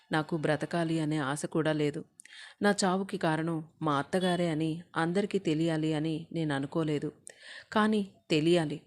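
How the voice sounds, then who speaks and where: A woman's voice: sits low, a little mellow, close to an everyday voice. A woman voicing a weary, desperate young wife pleading in a letter to her mother.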